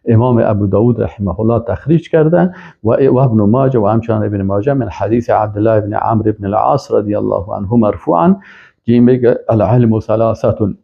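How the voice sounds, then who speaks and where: Man, religious lecture, reads Arabic then explains, husky fry in the voice, muffled lo-fi sound. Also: fairly low pitch. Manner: reads Arabic phrases then explains them, with emphatic rises. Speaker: Islamic studies teacher. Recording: dull lo-fi recording.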